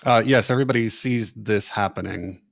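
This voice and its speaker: Casual game master, dry close sound. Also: male voice, fairly low pitch, brisk, gravelly, no echo. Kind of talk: narrating an online tabletop game.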